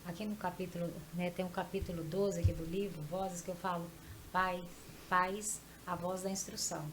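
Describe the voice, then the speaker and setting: A woman's voice: on the low side, level tone, slight background noise. Woman host asking rhetorical questions. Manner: measured, asks rhetorical questions. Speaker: podcast host and pastor. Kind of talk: reflective teaching commentary.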